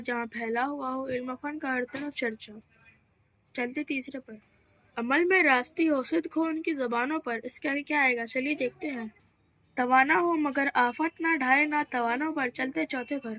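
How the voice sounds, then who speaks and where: A young woman talks students through a workbook, reading each answer aloud before explaining it. Her voice sits high and bright. The recording is close and dry, with no room sound around her. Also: no echo. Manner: step-by-step, reads out answers then explains. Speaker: teacher. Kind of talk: screen-share lesson walkthrough.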